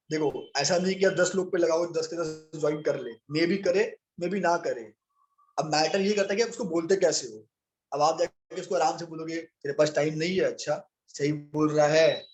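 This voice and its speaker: A young man with a fairly high voice coaches his listeners through handling objections. He talks straight to them, often calling them "sir", and acts out both sides of the talk. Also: a little mellow. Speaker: business trainer.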